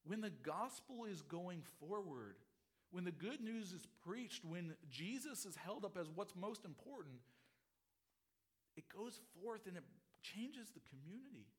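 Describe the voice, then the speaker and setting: Hoarse from a cold, a middle-aged preacher delivers an earnest, expository sermon with frequent repetition of phrases. His high voice is animated yet unhurried.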